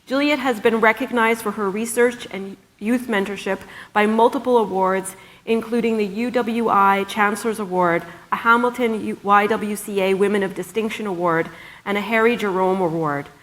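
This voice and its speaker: A woman emceeing a conference, briskly announcing and introducing the next speaker. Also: mid-range voice, steady tone, a bit bright. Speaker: event emcee. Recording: hall reverb with audience.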